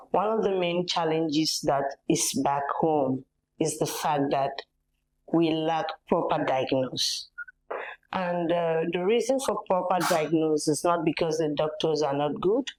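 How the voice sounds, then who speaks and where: A woman from Cameroon with a Cameroonian accent, speaking as an interview guest in a measured, earnest way with pauses and fillers. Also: deep voice, darkish tone, low-quality recording. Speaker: medical tourism facilitator, patient's mother.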